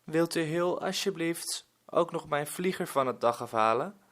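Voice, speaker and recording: A man's voice: on the high side, expressive, moderate pace, a bit bright, pitched above the performer's own voice. A man voicing a timid little boy who stammers and pleads. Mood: eager.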